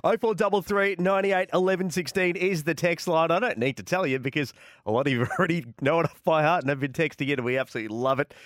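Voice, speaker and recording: A man co-hosting a radio show, chatty and quick to laugh. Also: on the high side, a bit bright, dry recording, studio quality. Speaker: radio co-host. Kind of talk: casual radio banter.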